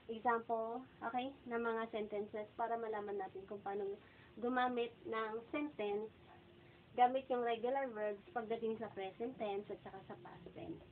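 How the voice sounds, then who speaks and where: A woman giving a casual online grammar lesson, asking "okay?" over and over and repeating verb forms slowly and clearly. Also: fairly high pitch, steady tone. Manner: keeps asking "okay?" and saying "guys". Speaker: English teacher. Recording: tinny phone-like sound, faint noise.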